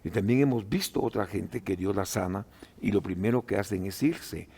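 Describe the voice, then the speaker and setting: A man's voice: fairly low pitch, moderate pace, mellow, breathy edge. A middle-aged man with a Guatemalan accent, a pastor telling a testimony in an earnest conversational teaching style, with many fillers.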